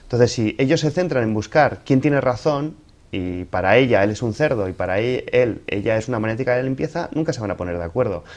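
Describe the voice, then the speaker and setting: A man's voice: mid-range voice, fairly quick, a little mellow. A man from giving relationship advice in an interview, explaining things didactically through examples.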